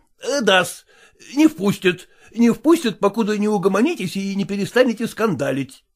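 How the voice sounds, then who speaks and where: A man voicing a smug, old-fashioned merchant who speaks in an obsequious, drawn-out way. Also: sits high, expressive, pitched above the performer's own voice. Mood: placating. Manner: obsequious, drawn-out, adding a polite "-s".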